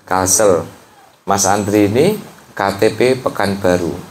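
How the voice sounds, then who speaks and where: A male preacher with a Javanese accent delivers a slow, unhurried sermon. His voice sits a little low. He chats with the audience between chanted prayers, over a faint hum of ambience. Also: a little mellow. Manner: chatty, mixes prayer chanting with joking asides to the audience. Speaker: preacher teaching a religious text.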